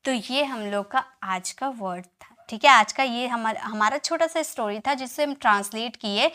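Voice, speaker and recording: A woman's voice: a little high, fairly bright tone. A woman teaching English reading online, patiently spelling words letter by letter and answering her own questions.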